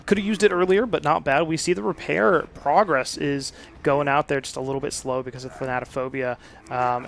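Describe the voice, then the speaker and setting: A man giving steady play-by-play commentary on a video game match, with frequent fillers. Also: medium pitch, slight background noise. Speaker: esports caster.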